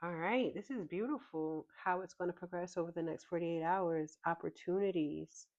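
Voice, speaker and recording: A woman giving a casual tarot reading, thinking aloud in an unhurried way with plenty of ums. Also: on the low side, darkish tone. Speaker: tarot reader. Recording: slightly dull lo-fi recording.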